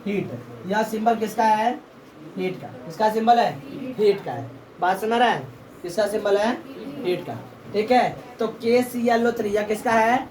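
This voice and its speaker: A woman's voice: mid-range voice, a little slow, a little mellow. A woman teaching a classroom lesson, asking the class questions and repeating the answers back. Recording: echoey room from far off, faint background noise.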